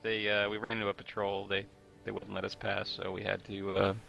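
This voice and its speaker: Laid-back male player voicing his character: low, gravelly, bright-toned. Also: completely flat delivery, a little fast, lo-fi sound, faint music behind. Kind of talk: tabletop role-play.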